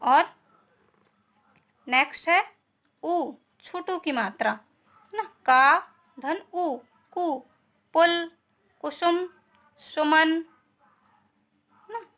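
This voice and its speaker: A woman's voice: very high-pitched, drawn-out words, long pauses, fairly bright tone. A young woman teaching a grammar lesson, explaining step by step and often checking with her students.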